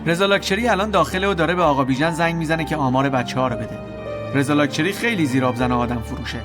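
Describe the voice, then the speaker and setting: Man narrating a sketch, deadpan. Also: a little high. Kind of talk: mock-serious sketch narration. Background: background music.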